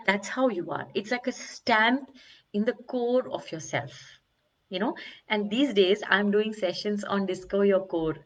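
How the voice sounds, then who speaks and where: Earnest woman, reflective healing talk. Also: medium pitch. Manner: earnest, searching, with many restarts and drawn-out emphasis. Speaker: wellbeing coach. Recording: slightly dull, lo-fi sound.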